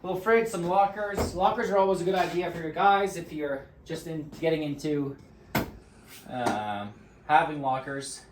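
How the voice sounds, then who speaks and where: Echoing warehouse space, medium-pitched speaker, informal rambling tour narration, distant microphone, thinking aloud. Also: normal speed. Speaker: business owner giving a warehouse tour. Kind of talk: casual walk-through video tour, unscripted. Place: large echoey rental warehouse and shop. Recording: echoey warehouse, distant mic, clearly noisy background.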